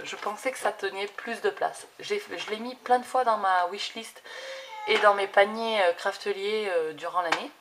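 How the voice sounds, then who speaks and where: Woman in her thirties, casual unboxing chat, enthusiastic, many fillers, steady background noise. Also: medium pitch. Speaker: craft YouTuber. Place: home craft desk. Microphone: camera set low on desk.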